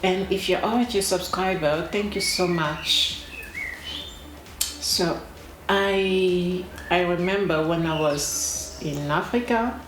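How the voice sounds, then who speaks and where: Slow, deliberate woman in echoey room. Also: lowish voice. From Cameroon. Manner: slow and deliberate, pausing, emphatic repetitions. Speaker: vlogger. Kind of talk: casual talk to camera. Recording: echoey room with clear background noise.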